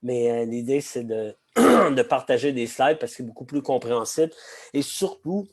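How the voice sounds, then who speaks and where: A middle-aged man with a Québécois accent, slightly hoarse today, presenting an online masterclass over a video call in a chatty way full of hesitations and asides. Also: medium pitch, normal speed. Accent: Québécois French. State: slightly hoarse, frog in the throat. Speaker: sake expert giving a masterclass.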